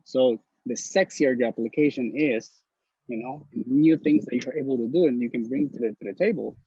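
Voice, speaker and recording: This interview guest, a Honduran man newly matched as a neurology resident, speaks at normal speed in a mellow, mid-range voice with a slightly rough edge. Over a video call he gives casual, earnest, blunt advice and often repeats words; the lo-fi audio is slightly dull and echo-free.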